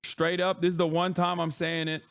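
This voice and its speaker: Brief: male streamer, fairly high voice, punchy and profane, dry close sound. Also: little pitch movement, moderate pace, vocal fry, a bit bright, clean tone, no echo. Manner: emphatic, profane, laughs often. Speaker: streamer and political commentator. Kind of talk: casual reaction commentary.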